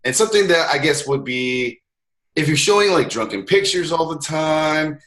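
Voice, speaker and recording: A man's voice: fairly high pitch, lively intonation, moderate pace, fairly bright tone. A man hosting a casual interview, encouraging his guest and speaking directly to listeners. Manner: friendly, encouraging, addresses listeners. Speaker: podcast host.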